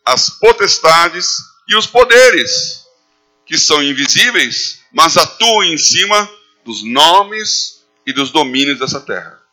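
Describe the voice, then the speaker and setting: Bright, lively preacher man. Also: a little high, slow pace, faint music behind. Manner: animated preaching with acted quotes. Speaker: pastor. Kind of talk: sermon.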